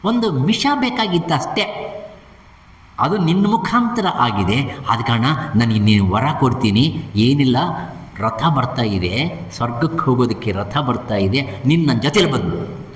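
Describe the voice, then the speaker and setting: Brief: calm divine god figure, gentle and reassuring, a man putting him on in a discourse, long hall echo. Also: medium pitch, unhurried, slight background noise, natural voice. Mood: serene. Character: Krishna, serene divine male god consoling a hunter. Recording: echoey hall reverb.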